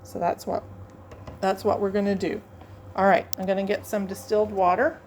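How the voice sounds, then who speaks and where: A woman's voice: medium pitch, level tone, normal speed, darkish tone, slight background noise. A woman instructor demonstrating a lab procedure to students, chatting and thinking aloud as she works, sometimes moving away from the mic in a teaching lab.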